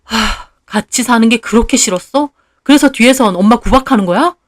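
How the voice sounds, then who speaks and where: An irritated young husband sighs and fires reproachful questions, as a woman narrator puts him on. The voice stays fairly high and close. The sound is dry, with no room around it. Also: fairly quick, no room sound, close to an everyday voice.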